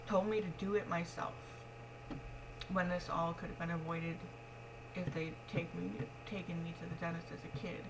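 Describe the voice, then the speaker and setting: A young woman with a slightly low voice chats in a frank, rambling vlog style. She speaks with missing front teeth and keeps a matter-of-fact delivery. The recording has clear background noise and a hum. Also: little pitch movement, moderate pace. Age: young adult. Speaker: pregnant vlogger. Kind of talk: casual confessional vlog talk.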